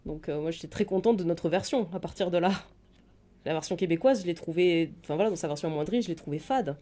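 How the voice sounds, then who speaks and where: A woman's voice: on the low side, fast, mellow. A woman on a podcast panel, talking in a rambling way with many restarts and fillers. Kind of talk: casual debate chat.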